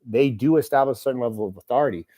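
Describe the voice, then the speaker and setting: In a room with a camera operator, the host of a live Q&A talks casually and self-deprecatingly, rambling with plenty of fillers. His warm, medium-pitched voice races along.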